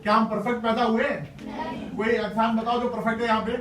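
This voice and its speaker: High-voiced male teacher, encouraging, distant mic in a roomy hall. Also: flat delivery, fairly quick. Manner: encouraging and playful, coaxing pupils. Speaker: teacher running a school workshop. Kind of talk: classroom teaching to students. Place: school classroom. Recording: echoey room, distant mic, noisy class.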